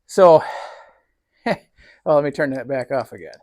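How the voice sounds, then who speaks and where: A man's voice: mid-range voice, expressive, unhurried, a little mellow. A man narrating casually to his viewers while he works on a tractor in his barn, in a folksy, easygoing way. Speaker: DIY tractor mechanic.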